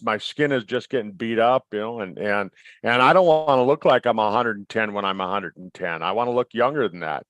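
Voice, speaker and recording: A man's voice: medium pitch, a bit bright, no room sound. A man co-hosting a wellness webinar from home, talking in a casual, emphatic, rambling way that often repeats words. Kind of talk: casual chat.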